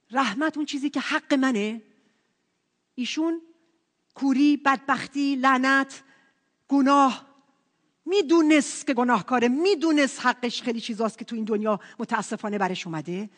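A woman preaching a sermon and putting questions to the congregation in an animated way. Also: high voice, pauses often. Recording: reverberant hall.

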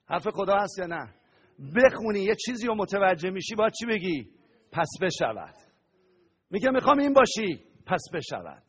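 A male pastor preaching an animated sermon to a live congregation, often asking them questions and having them answer back. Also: sits high. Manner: animated preaching with call-and-response questions to the audience.

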